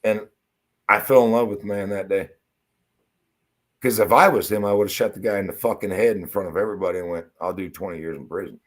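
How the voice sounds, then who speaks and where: A man co-hosting a live stream, telling rowdy stories in a profane, excitable way. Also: on the low side, fairly quick. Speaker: co-host. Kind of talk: casual live-stream chat.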